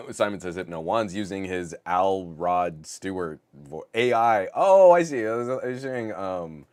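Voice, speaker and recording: A middle-aged man hosts a live tech chat show while sick, his voice scratchy and rough. He speaks in a deep, low register, bursting with over-the-top enthusiasm and tripping over quick restarts. The sound is close and dry, with no trace of room echo. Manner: over-the-top, excitable delivery with stammered restarts. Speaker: host of a live tech podcast. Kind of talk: casual live-stream chat.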